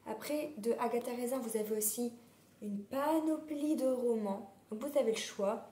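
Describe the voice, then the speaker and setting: A hoarse woman with a sore throat chats away in a fairly high, mellow voice, wandering between thoughts with plenty of fillers. Her voice rings in a roomy, echoey space. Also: normal speed. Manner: chatty, rambling, many fillers. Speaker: vlogger. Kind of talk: casual chat. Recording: roomy echo.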